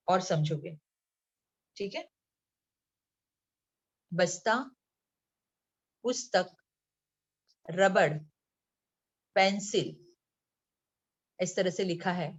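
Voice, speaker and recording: A woman teacher from Mumbai giving a slow, patient lesson to young children, reading words one by one and often checking in with the class. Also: on the low side. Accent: Mumbai Hindi. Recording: dull lo-fi sound.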